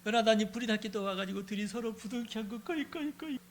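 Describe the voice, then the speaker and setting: A pastor teaching a Bible study, retelling the story in a lively, conversational way and acting out the characters as he goes. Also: sits high, fast talker, a little hiss or hum. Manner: animated, acts out the characters in the story.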